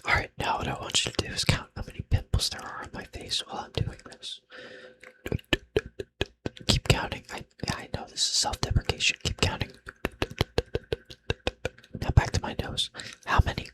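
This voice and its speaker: A man doing an unscripted ASMR whispered role-play, rambling playfully in a breathy, unvoiced whisper and repeating short phrases over and over. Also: moderate pace, long pauses, pushed and bright. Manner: playful, self-deprecating, teasing.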